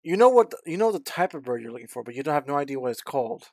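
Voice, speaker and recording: A man's voice: medium pitch, animated, racing, dry recording, clean studio sound. A man acting as game master of a tabletop role-playing game, prompting players in an easygoing way with lots of fillers. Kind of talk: running a tabletop game over voice chat.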